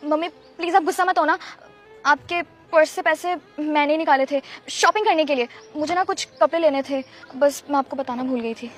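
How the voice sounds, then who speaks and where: A woman's voice: high-pitched, normal speed, a bit bright. A young woman playing a spoiled, pampered daughter who talks in a whiny, coaxing way. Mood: worried. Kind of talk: amateur web drama acting.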